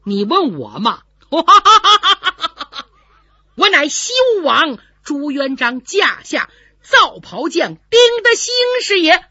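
A woman's voice: sits high, wildly swooping pitch, unhurried, pushed and bright, no echo, pitched above the performer's own voice, full character voice. A woman doing a bold mocking general. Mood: boastful. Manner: boastful, mocking. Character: bold, mocking male general, strong and confident. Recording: dull lo-fi recording.

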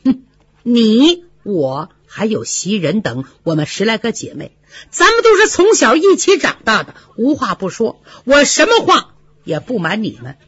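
A storyteller putting on a proud young maidservant, indignant and sharp-tongued, with a voice that leaps high and drops low. The sound is slightly husky and dry, on a dull, lo-fi recording. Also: huge pitch swings, moderate pace, dry recording, heavily acted. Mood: defiant.

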